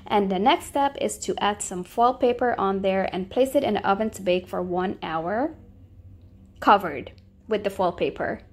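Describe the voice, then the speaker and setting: Cooking host, female, mid-pitched, friendly step-by-step voice-over narration. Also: normal speed.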